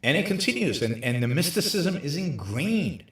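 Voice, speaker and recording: A man hosting a livestream, lecturing emphatically from a hotel room with very high ceilings, his voice carrying a hollow cave-like echo. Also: sing-song, normal speed, fairly bright tone. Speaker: show host. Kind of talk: livestream talk on philosophy.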